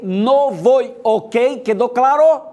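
A stubborn, frightened Moses pleads and refuses over and over, as a preacher acts him out. The voice sits high and insistent, with slow, heavy emphasis on each refusal. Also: male voice, dark tone, exaggerated voice. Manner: insistent, repeating his refusal.

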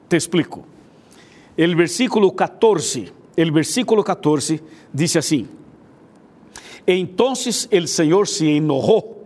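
A man preaches a sermon that retells a Bible passage, repeating key phrases and pausing to ask his listeners whether they follow. His voice is fairly high for a man, and he speaks slowly and deliberately. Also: lively intonation, a little mellow. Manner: repetitive, asks listeners "ok?" and "viste?".

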